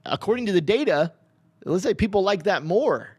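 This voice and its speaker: A man's voice: high voice, expressive, moderate pace, darkish tone, husky, no room sound. A man co-hosting a casual business podcast, talking loosely with restarts and laughs. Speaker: podcast co-host.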